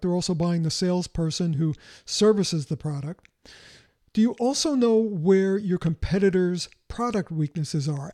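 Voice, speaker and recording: A man's voice: high-pitched, dark tone. A man who coaches salespeople, giving a motivational talk with rhetorical questions and a story from his own career.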